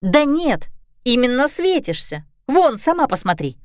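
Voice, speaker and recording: A woman reading a storybook, voicing an earnest, careful young heroine in a steady voice. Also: sits high, measured pace, dry recording, studio quality. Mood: curious.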